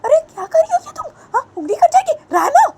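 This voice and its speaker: Woman doing an anxious young lover, fussing and repeating her pleas, gravelly low voice, traffic noise behind. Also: wildly swooping pitch, fast talker, full character voice. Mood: alarmed.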